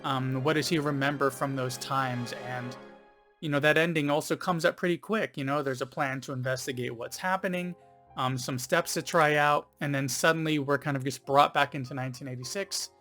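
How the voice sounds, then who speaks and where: A man's voice: medium pitch, steady tone, moderate pace, a bit bright, faint music behind. Rambling male film reviewer. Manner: rambling, many ums and you-knows. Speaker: film reviewer, channel host. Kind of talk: casual spoken video review.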